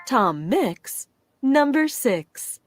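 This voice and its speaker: Lady doing bingo caller thing, super slow short calls w rhymes, loud music going. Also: sits high, sing-song. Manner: slow, deliberate announcing in short separated calls. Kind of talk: bingo calling with rhyming number nicknames.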